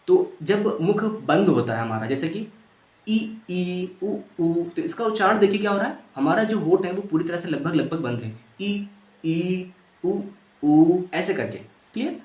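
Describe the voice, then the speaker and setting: A man's voice: sits high, very animated, fairly quick, hardly any pauses. A male teacher giving a casual grammar lesson, sounding out vowels aloud and checking that the class follows. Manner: casual, repeats points, checks understanding. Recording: echoey room, dull lo-fi sound.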